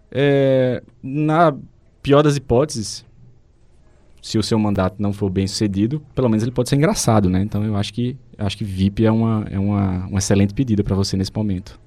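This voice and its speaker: Low-voiced Brazilian man, hesitant and dry. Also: dark tone, dry recording. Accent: Brazilian Portuguese. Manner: hesitant, frequent restarts and fillers. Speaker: show co-host recommending series. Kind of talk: casual chat.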